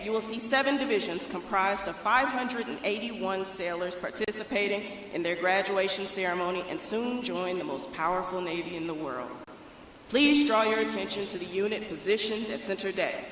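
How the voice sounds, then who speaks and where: A woman's voice: mid-range voice, fairly bright tone. A woman reading a formal scripted announcement as master of ceremonies at a military event. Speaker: master of ceremonies, Navy officer. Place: large indoor drill hall. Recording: very echoey hall, distant, faint noise.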